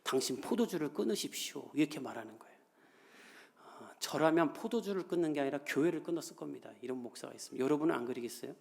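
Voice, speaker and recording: A male pastor delivers a Sunday sermon in a somewhat high voice. He talks to the congregation in a chatty way, acts out the voices he quotes, and climbs to emphatic peaks. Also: lively intonation, fast talker, creaky. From South Korea.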